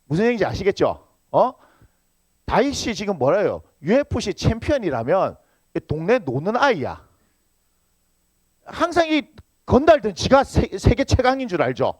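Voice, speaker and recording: A male pastor delivers a sermon in a high, lively voice that leaps around as he teases the congregation. He fires rhetorical questions at them. The sound is close and dry. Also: normal speed, no echo. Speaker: senior pastor.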